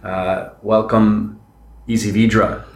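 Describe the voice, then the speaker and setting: A man's voice: on the low side, little pitch movement, slow, roomy sound, a little hiss or hum. A man from Latin America hosting an interview podcast, asking long, winding questions full of fillers. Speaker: podcast host.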